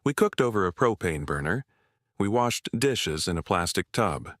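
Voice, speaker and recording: Low, lively male storyteller. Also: moderate pace, no room sound, studio quality. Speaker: narrator. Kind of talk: scripted narration of a first-person story.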